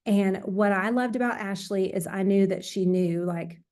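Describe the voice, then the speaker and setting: Mellow woman hosting a call. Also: mid-range voice, moderate pace. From small town in eastern Georgia, USA. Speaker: host, team leader. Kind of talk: conversational introduction on a group call.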